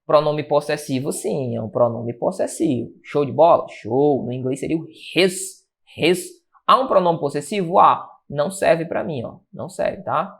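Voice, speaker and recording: A man teaching an exam-prep grammar lesson, energetic, asking and answering his own questions. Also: on the high side, normal speed, creaky. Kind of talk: lively exam-prep lecture.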